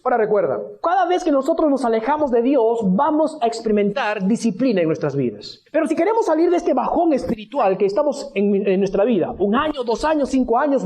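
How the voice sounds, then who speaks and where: A man preaching a sermon, his voice swinging high and low as he preaches. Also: dark tone. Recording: dull lo-fi radio broadcast.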